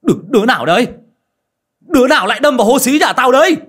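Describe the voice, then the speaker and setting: A man voicing a nosy, bald older village man who stammers and blusters loudly. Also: fairly low pitch, very animated, moderate pace. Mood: alarmed.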